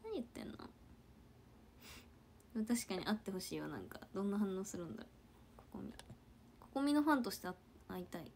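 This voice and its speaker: Woman, casual livestream chat with viewers; chatty, soft murmured asides. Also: mid-range voice, sing-song, fast talker, vocal fry, long pauses, slight background noise. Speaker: idol trainee livestreamer.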